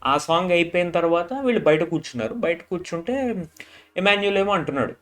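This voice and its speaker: A man with a somewhat high voice recaps a reality show episode in a casual, rambling way. He lowers his voice to quote the contestants and leans on filler tags and restarts. Soft music plays faintly behind him. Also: expressive, brisk. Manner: retells scenes, dropping his voice for quoted lines.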